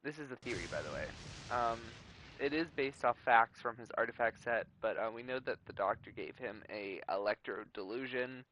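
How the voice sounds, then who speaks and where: A man's voice: medium pitch, animated, moderate pace, a bit bright, slight background noise, rough recording. A man giving casual, enthusiastic commentary while he streams a video game, chatty and sometimes swearing.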